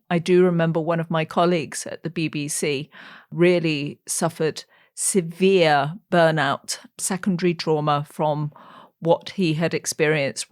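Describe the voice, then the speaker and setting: A middle-aged woman hosts a podcast with a low, grounded voice. She talks conversationally and leads into each guest's remarks. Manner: conversational, links the guest clips. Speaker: podcast host. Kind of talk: podcast hosting.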